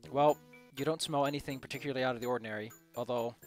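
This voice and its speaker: A man's voice: medium pitch, fairly even intonation, very fast, a little mellow, soft background music. A man running a tabletop game as game master, talking casually with his players.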